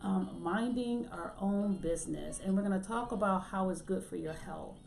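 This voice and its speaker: A woman hosting her own podcast in a casual, humorous way, with light filler words and lively asides to the listener. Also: mid-range voice, normal speed, creaky, reverberant. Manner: chatty and humorous, acts out quotes with a raised voice. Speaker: podcast host. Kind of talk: casual solo podcast talk.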